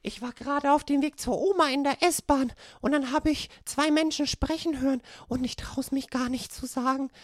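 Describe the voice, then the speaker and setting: A frightened, excitable fairy-tale girl acted by a woman with a high voice, recorded dry. She pleads and exclaims breathlessly, in the manner of a children's radio play. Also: dry recording, natural voice. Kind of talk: children's audio play acting.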